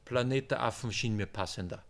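Man voicing a listless old man in his eighties, dry curt lines, deadpan. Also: mid-range voice, brisk, natural voice. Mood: dry grumbling. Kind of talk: reading aloud at a book reading.

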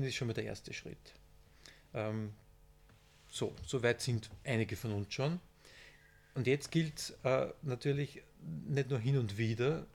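A man's voice: mid-range voice, creaky, a little mellow. A man, an author talking to his audience and reading from his book, with frequent fillers. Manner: hesitant, many fillers and restarts.

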